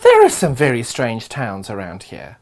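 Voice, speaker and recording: A middle-aged woman with a very deep voice and a thick South African accent. Her pitch moves around a lot as she chats and demonstrates a craft, teasing drily along the way. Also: huge pitch swings, normal speed, darkish tone. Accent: broad South African. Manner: dry, teasing humour. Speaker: craft presenter and teacher. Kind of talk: casual live craft demonstration chat.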